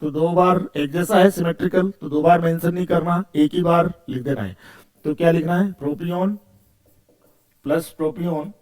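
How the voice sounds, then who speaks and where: A male chemistry teacher, speaking in a somewhat high voice. He keeps asking questions and answering them himself, repeating key words as he goes. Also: moderate pace, darkish tone. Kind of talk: video lecture.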